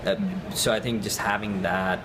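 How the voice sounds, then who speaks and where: A man from California explaining his view in a relaxed way. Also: lowish voice, moderate pace, background noise. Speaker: conference delegate. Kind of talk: interview answers. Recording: background music.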